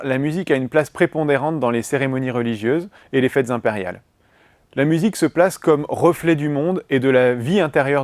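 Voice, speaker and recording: A man's voice: mid-range voice, a little mellow, no echo. Man narrating music history, dry close sound. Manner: clear, measured, lists items one by one. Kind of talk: scripted educational narration.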